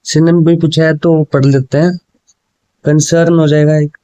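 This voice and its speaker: A man with a fairly high but mellow voice teaches a casual exam prep lesson, switching between Hindi and English. He reads each English question slowly and then breaks it down for his students in an easy, chatty way. The sound is dry and close, with no room echo. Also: level tone, dull audio. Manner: explains in Hindi with English words, often says "ठीक है" and "भाई".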